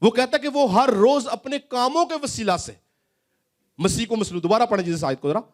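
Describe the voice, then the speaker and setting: High-voiced preaching man, pastor. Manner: preaching with rising questions, then dropping low. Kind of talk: sermon. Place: church main hall.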